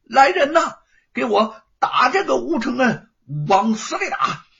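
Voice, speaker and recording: A man voicing an arrogant young rich master who sneers and shouts orders in a high, shrill voice. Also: sing-song, a little slow, creaky, exaggerated voice. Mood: sneering shouting. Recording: dull lo-fi recording.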